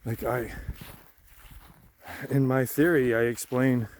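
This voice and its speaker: Walking outdoors in the woods beside a pond, a man muses slowly about his personal philosophy for his vlog. He halts, repeats, trails off and swears casually in a rambling monologue. His voice is mid-range with fairly even intonation, and there is slight background noise.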